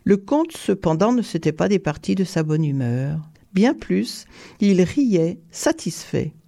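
A measured audiobook narrator telling a tale at an even pace. The voice has a gravelly grain and a mellow, dark tone, at a middle pitch. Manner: measured storytelling.

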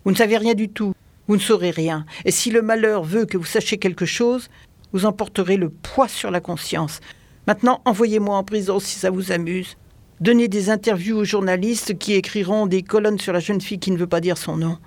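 A reader gives voice to a worn-out young woman holding out against a detective. She sounds bitter and tired, and her lines come out as sighs. The reading is dry and close, in an even middle register. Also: medium pitch, normal speed, dry recording, close to an everyday voice. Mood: defiant. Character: weary defiant young woman under interrogation.

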